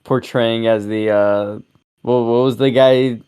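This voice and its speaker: Casting: young man, mid pitch, podcast co-host, loose rambling delivery with chuckles. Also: steady tone, takes it slowly, warm tone, smooth. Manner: rambling, self-correcting, chuckles often. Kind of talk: casual review chat.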